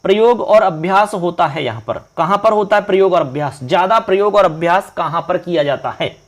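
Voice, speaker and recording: Male teacher, raised voice. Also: high-pitched. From India. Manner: quizzing viewers, reading options slowly. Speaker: exam-prep teacher. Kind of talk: online exam-prep lesson.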